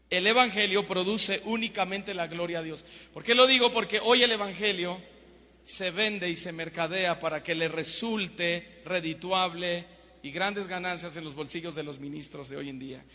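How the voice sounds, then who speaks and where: A man preaching a sermon, emphatic, swinging between loud declarations and hushed asides. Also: high voice. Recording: long hall reverb.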